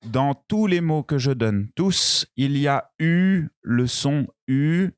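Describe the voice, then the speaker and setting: Very slow, deliberate teacher man. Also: on the high side, lively intonation, clean tone, no echo, clean studio sound. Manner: very slow, careful, repeating words and drawing out vowels. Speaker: French teacher. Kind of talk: slow beginner pronunciation lesson.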